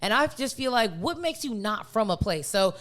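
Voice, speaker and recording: A woman from Chicago co-hosting a podcast in casual chat, chatty with quick asides. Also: fairly high pitch, big pitch swings, fairly bright tone. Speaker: podcast co-host.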